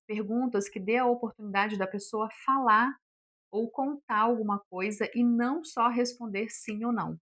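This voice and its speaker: A woman's voice: mid-range voice, fairly bright tone. A woman giving a casual online lesson on sales, talking in a chatty way, full of fillers and acting out sample phrases. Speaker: sales instructor.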